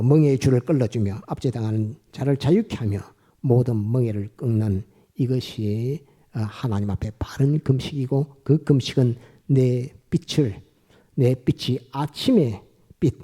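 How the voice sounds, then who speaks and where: Dark-voiced male pastor preaching. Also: mid-range voice, slightly rough. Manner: halting, with many "uh" fillers, leads the congregation in repeated phrases. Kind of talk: Sunday morning sermon.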